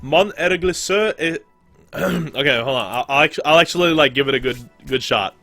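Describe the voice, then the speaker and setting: A man's voice: fairly high pitch, animated, moderate pace, bright, forceful tone, no room sound, faint music behind. A young man giving casual, rambling let's play commentary and swearing freely. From Sweden. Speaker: gaming streamer. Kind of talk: let's play commentary, reading game text aloud.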